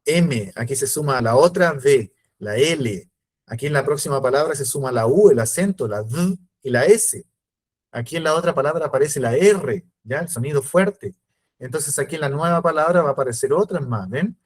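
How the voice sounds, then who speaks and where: A man's voice: fairly high pitch, lively intonation, moderate pace. Explanatory male lecturer on a video call. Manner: explanatory, checks in often with "¿ya?" and "¿ven?". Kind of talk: virtual class lecture. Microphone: computer mic on video call.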